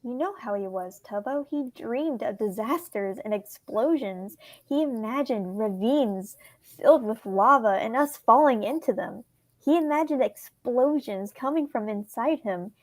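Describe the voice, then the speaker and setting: A woman voicing a worried teenage boy, reading a fan script aloud in an earnest, hushed way. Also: fairly high pitch, lively intonation, unhurried, dry recording. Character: worried teenage boy confiding about a friend.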